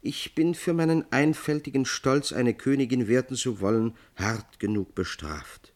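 A man voicing a distressed, proud young noblewoman in an audiobook tale, soft and lamenting. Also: mid-range voice, a little slow, pitched above the performer's own voice, lightly acted.

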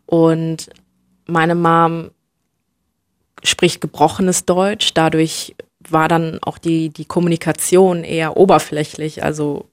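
A young woman from Germany, speaking reflectively as an interview guest and often pausing to search for words. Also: low-pitched, level tone, no room sound. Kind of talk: personal interview conversation.

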